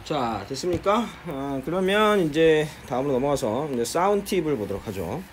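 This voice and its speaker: Lively Korean male English teacher. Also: a little high, normal speed, a little hiss or hum. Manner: explains patiently, repeats key phrases, says "자" often. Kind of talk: explaining English phrases in a lecture.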